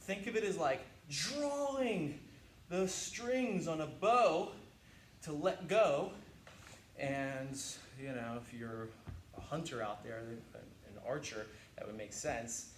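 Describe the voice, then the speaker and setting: Male trainer, upbeat and joking, counts reps and grunts through the effort; high voice, slight hiss behind it. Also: lively intonation, takes it slowly. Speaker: fitness trainer. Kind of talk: workout instruction, demonstrating exercises. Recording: echoey room, mic at a distance.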